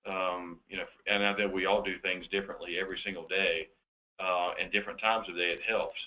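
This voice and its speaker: A man's voice: low-pitched, level tone, brisk, sharp tone, a little hiss or hum. A man presenting a webinar in a chatty way, full of fillers and restarts, putting practical questions to his audience. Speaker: webinar presenter on debt collection. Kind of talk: conversational webinar talk. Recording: dull lo-fi webinar audio.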